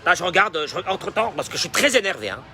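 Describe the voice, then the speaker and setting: A man preaching a sermon as a rabbi, dropping in Hebrew phrases and swinging from quiet talk to shouting. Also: high-pitched, big pitch swings, fast. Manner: mixes Hebrew phrases into his speech.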